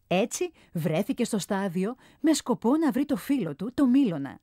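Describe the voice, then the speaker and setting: Brief: female storybook narrator, clear expressive delivery, dry booth sound. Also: mid-range voice, no room sound.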